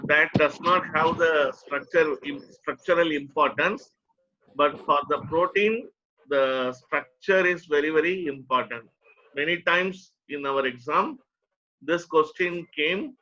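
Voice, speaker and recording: A man's voice: fairly high pitch, sharp tone, lo-fi sound. A man with an Indian accent teaching a lesson step by step, often repeating phrases for emphasis. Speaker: teacher, lecturer. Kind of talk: online lecture to a nursing student.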